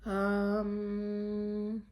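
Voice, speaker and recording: A woman's voice: medium pitch, completely flat delivery, drawn-out words, a little mellow. A teenage girl telling a rambling, giggly story about school friends in a casual vlog. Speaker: vlogger.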